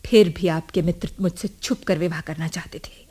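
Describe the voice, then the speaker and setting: A woman's voice: fairly low pitch, fairly even intonation, normal speed, warm tone, husky. An actress playing a proud, defiant young woman in a radio drama, telling her story with earnest emotion. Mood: earnest recounting. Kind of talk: 1980s radio drama acting.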